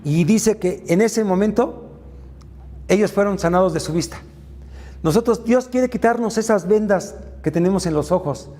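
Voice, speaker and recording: A man's voice: high voice, moderate pace, dark tone, long reverb tail. A man giving a motivational faith talk, retelling Bible stories with frequent filler sounds. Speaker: faith mentor and speaker.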